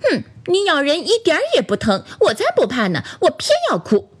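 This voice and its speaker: A woman's voice: on the high side, wildly swooping pitch, brisk, slightly rough, pitched above the performer's own voice, exaggerated voice. A woman voicing a stubborn, crying little boy toy doll in a bedtime storybook, whiny and petulant.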